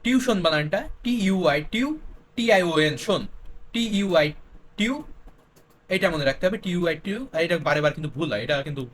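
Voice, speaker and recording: A young man with a high, light voice runs an exam-prep spelling lesson. He spells words out letter by letter and keeps asking questions to drive each point home. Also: brisk, fairly bright tone, a little hiss or hum. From Bangladesh. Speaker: teacher.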